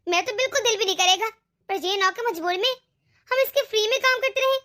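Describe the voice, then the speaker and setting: A woman voicing a shrill scheming mother-in-law. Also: quick pace, bright, forceful tone. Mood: grumbling. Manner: nagging, scolding. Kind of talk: cartoon voice acting.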